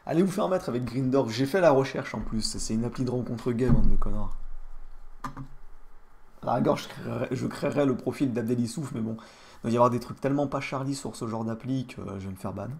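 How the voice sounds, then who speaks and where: A man's voice: medium pitch, a little fast, gravelly, darkish tone. A man streaming live, chatting crudely and joking with his chat.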